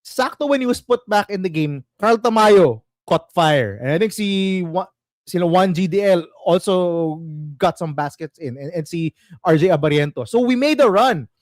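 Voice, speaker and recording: A young Filipino man hosting a casual basketball chat, mixing English and Tagalog, animated and quick to laugh. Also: sits high, no room sound, clean studio sound. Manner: animated, switches languages mid-sentence, laughs often. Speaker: basketball podcast host.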